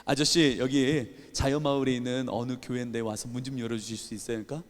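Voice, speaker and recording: A male pastor preaching a sermon, telling a personal story with lively, animated delivery and acting out his own frustration and tears. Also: medium pitch, fast. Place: church sanctuary. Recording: church hall with long reverb.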